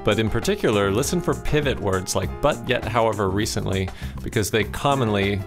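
A man's voice: lowish voice, brisk, vocal fry, over music. A man giving a casual, playful video lesson as a test prep instructor, acting out his own thoughts while reading.

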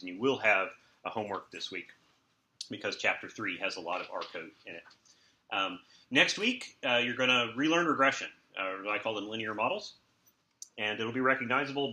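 A man gives an informal university lecture full of wry, jokey asides, with students present in the lecture room. His lowish voice sounds pushed and bright, and the recording is roomy.

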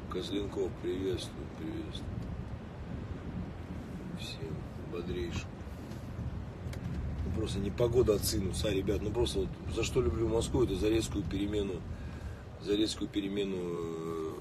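Deep-voiced man livestreaming from his car. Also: moderate pace, long pauses. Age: late 30s. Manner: relaxed, chatty, greets viewers by name. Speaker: musician livestreaming to fans. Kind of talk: casual livestream chat. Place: inside a car in city traffic. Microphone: phone held or mounted at arm's length. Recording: distant phone mic with street noise.

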